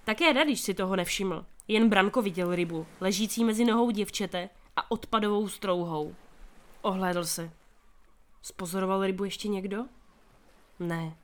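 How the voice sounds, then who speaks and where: A woman reading a children's story aloud as narrator, giving the characters' shouts strong emphasis. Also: mid-range voice. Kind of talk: audiobook reading of a children's novel.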